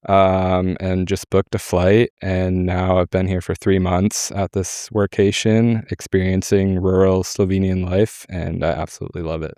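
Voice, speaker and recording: A man's voice: deep voice, flat delivery, unhurried, hardly any pauses, warm tone, dry recording, studio quality. A man who is a guest on a podcast, talking in a casual, chatty way with fillers. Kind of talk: podcast interview.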